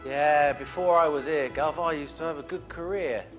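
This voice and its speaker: A cheeky, rambling prisoner voiced by a man, an old car thief who chats away to the guard. His voice sits a little high, with soft music in the background. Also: moderate pace, close to an everyday voice. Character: chatty male prisoner, former car thief. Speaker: actor in a lesson sketch. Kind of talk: comic scripted sketch.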